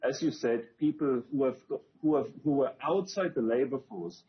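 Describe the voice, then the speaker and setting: Thoughtful male policy specialist, mid-pitched, sober delivery; muffled remote-link sound. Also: normal speed. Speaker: employment policy expert. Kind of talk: remote TV news interview.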